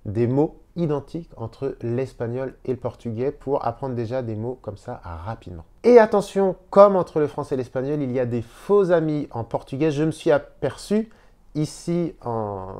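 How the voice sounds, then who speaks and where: Speaking from a hotel room, a man teaches Spanish in a laid-back video, explaining slowly and repeating words. His mid-range voice has a dark tone and lively intonation.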